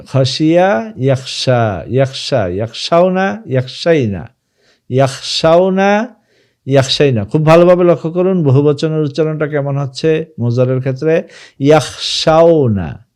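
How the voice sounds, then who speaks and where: A man teaching an Arabic grammar lesson, slowly reciting verb forms one by one and telling the students to pay close attention. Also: mid-range voice, darkish tone. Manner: addresses students directly, asking them to pay close attention.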